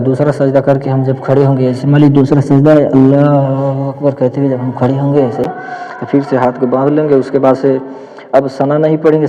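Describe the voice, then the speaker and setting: A man gives practical prayer instruction, repeating each step patiently as he shows it. His voice is very dark and mellow, with an even, flat delivery. A long reverb trails behind him, as if he is recorded in a big hall. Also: a little high, lo-fi sound. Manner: patient, repetitive step-by-step explaining, demonstrating as he speaks. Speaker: Islamic teacher.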